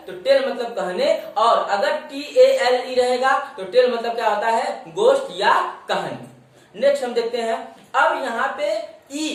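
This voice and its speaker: Teacher from india spelling english words out real slow, mic kinda far, lots of room echo. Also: mid-range voice. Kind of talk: spoken English pronunciation lesson.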